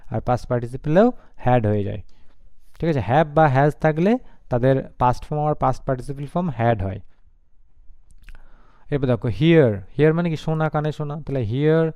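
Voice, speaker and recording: Clear-voiced male tutor. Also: medium pitch, a little mellow, dry recording. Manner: slow, repeats words and spells them letter by letter. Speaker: English tutor. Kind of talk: classroom lesson. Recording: slightly dull lo-fi recording.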